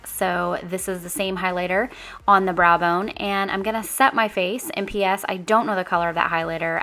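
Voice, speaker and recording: A beauty channel host with a lowish, pushed and bright voice chats through a makeup tutorial step by step. With a lilt, she sounds upbeat and friendly, talking straight to viewers like they're her girlfriends.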